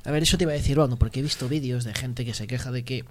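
A man from on a gaming podcast, retelling a clip in a rapid, excited way. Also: medium pitch, slight background noise. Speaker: podcast co-host. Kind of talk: casual gaming podcast chat.

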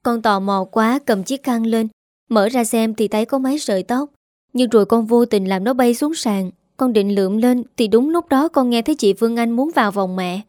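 A woman's voice: on the high side, a little mellow, no room sound, close to an everyday voice. Storybook daughter, young and remorseful, pleading, read by a woman in her own voice, dry close sound. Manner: pleading, apologetic.

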